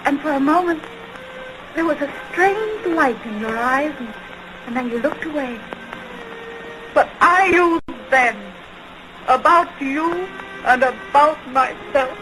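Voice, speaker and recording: A woman playing an anguished, lovelorn woman in an early talkie film melodrama, pleading in halting, drawn-out phrases. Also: high voice, lively intonation, a little hiss or hum, heavily acted, poor audio. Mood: wistful. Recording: 1920s film soundtrack with loud music.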